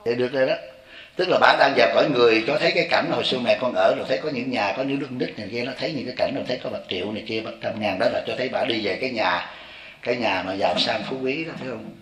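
A man, a Buddhist monk giving an animated dharma talk to a congregation and often asking them if they see. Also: medium pitch, racing, reverberant. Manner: animated, repeats "thấy không?" to the audience.

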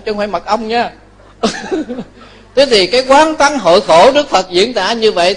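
A man's voice, a Buddhist monk speaking, pitched fairly high for a man. He preaches in a lively storytelling way, often checking with his listeners that they agree. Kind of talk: Dharma talk sermon.

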